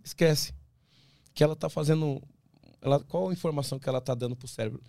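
A man, an ultramarathon runner from Brazil, talking as a podcast guest, animated and full of restarts, acting out what others say. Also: a little high, fast, creaky, no echo, studio quality. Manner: animated storyteller, many restarts, acts out quoted voices. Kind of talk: casual interview talk.

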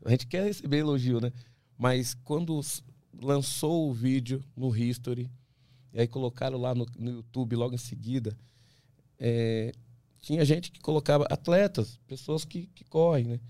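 A man, an ultramarathon runner from Brazil, talking as a podcast guest, animated and full of restarts, acting out what others say. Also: medium pitch, moderate pace, no room sound. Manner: animated storyteller, many restarts, acts out quoted voices. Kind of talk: casual interview talk.

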